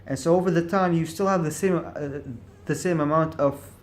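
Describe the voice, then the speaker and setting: At normal speed and in a steady tone, a fairly high-pitched man talks alone in a reflective vlog to camera. Thinking aloud, he sounds hesitant and searching, with stutters on repeated syllables and frequent restarts.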